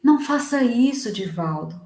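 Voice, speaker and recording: A woman voicing a kind male spirit who speaks gently and tenderly. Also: on the high side, expressive, moderate pace, roomy sound.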